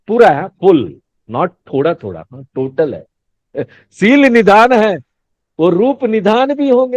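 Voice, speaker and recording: In a fairly high, slightly mellow voice, a man giving a Hindi spiritual discourse as a swami chats, laughs a lot and quizzes his listeners. The lo-fi recording sounds dull and dry, with no room sound.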